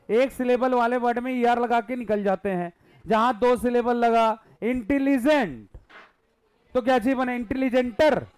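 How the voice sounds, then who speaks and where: A man's voice: very high voice, slight background noise. A male teacher giving a live classroom lesson, questioning and coaxing his students while mixing Hindi and English.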